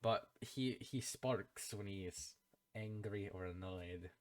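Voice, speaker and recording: A man playing in a tabletop game, asking quick questions and explaining his character. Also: fairly low pitch. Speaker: player.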